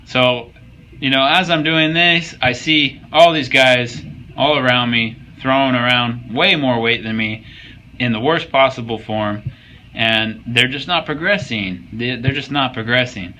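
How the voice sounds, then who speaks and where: A man's voice: medium pitch, a little slow, bright, forceful tone, a little hiss or hum, poor audio. A young man casually commenting on workout footage, joking and swearing as he coaches viewers. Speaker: fitness vlogger.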